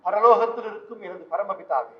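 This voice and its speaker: A man plays a kindly, quietly wry priest in an old stage play, his voice sitting unusually high. It sounds far off in a big echoing hall, on a dull old recording. He talks with calm theatrical care. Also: moderate pace, lightly acted. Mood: gentle. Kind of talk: vintage stage play acting.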